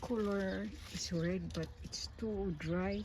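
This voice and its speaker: A woman's voice: mid-range voice, fairly even intonation, slow, a little mellow. A woman who speaks English as a second language, chatting casually and exclaiming in wonder as she shows her garden outdoors. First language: not English. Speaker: gardening vlogger. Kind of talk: casual vlog narration while walking through a garden. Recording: noisy outdoor ambience, birds, traffic.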